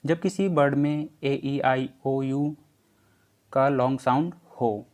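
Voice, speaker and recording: A male English teacher who talks slowly and patiently. He works through spelling rules step by step and reads out each example word on its own. His voice sits in a middle pitch. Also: fairly even intonation, a little mellow. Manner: slow, careful explanation of spelling rules, spelling words out one by one. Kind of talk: spoken English lesson.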